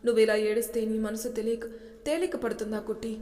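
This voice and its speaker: A woman's voice: on the high side, fast talker, mellow, long reverb tail, lightly acted. A woman voicing a caring young man who speaks tenderly in a romance story. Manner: tender, coaxing. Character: caring young man, soft-spoken hero.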